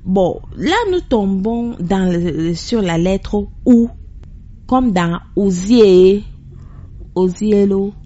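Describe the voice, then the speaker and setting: A woman hosting a radio language lesson, slowly repeating words after a guest to learn their pronunciation. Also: medium pitch, dark tone, muffled recording. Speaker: radio host.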